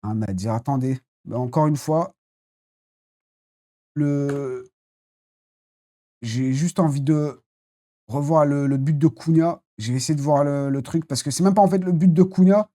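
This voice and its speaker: A football channel host giving a casual, rambling live debrief after a match, blunt and quick to swear. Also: medium pitch, mellow.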